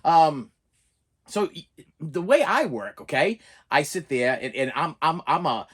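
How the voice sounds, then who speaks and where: A middle-aged man with a Boston accent and a slightly raised pitch rants casually. He talks in halting bursts, repeats words and phrases for emphasis, and keeps checking that he is being followed. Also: very animated, a bit bright, slightly rough. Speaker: vlogger. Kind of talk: casual spoken rant to camera.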